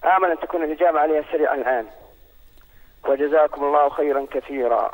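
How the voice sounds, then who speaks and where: Male caller, over the phone, very rapid, formal and courteous, recites verses. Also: a little high. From Saudi Arabia. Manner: polite and measured, reciting verses in formal speech. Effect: heard over a phone line. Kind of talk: formal, courteous question to a scholar.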